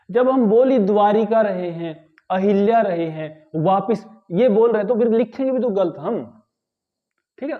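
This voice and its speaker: A man teaching a grammar lesson, repeating words slowly to correct their pronunciation and often checking in with his listeners. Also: high voice, narrow, tinny audio. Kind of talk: spoken lesson.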